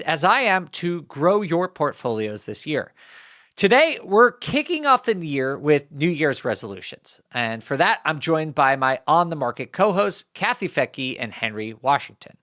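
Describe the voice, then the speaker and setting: A man's voice: on the high side, a bit bright. A man hosting a podcast in a casual, conversational style. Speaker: podcast host.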